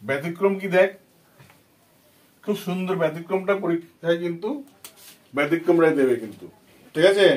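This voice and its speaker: Pitched on the high side, the teacher moves at a moderate pace and stops frequently. He's a man with a Bengali accent leading children through English grammar, patiently restating points and testing them with questions.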